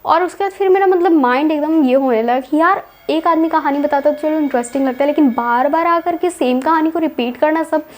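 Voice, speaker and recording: A young woman with a high voice tells her own story in a casual, chatty vlog. She talks in loose, repeating phrases and drops English words in as she goes. An indignant edge runs through her telling. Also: fairly quick, few pauses, a little mellow. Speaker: vlogger.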